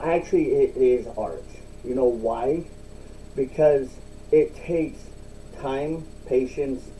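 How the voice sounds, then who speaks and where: Male vlogger, unhurried and repetitive, speaking with a lip full of chewing tobacco, recorded off-mic with faint rumbling noise. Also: warm tone, recorded from a distance, poor audio. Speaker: video blogger. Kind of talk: casual solo vlog talk, rambling explanation.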